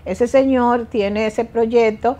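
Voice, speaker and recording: An older woman from the Dominican Republic talks as a guest on a TV studio set. Her voice is close and clean through a lapel mic, with lively emphasis and restarts when she gets excited. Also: on the high side, slow pace. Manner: lively, emphatic, frequent hesitations and repeats. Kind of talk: casual interview talk.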